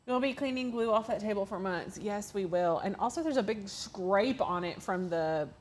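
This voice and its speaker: A woman's voice: medium pitch, normal speed, darkish tone. A woman co-hosting a casual craft livestream, reading viewer comments aloud and laughing often. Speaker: co-host reading live chat.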